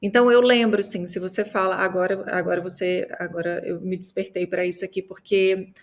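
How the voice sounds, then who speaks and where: A woman's voice: lowish voice, flat delivery, a little fast. A woman from Minas Gerais talking about food in a casual podcast chat, explaining with many fillers and tag questions. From Minas Gerais, Brazil.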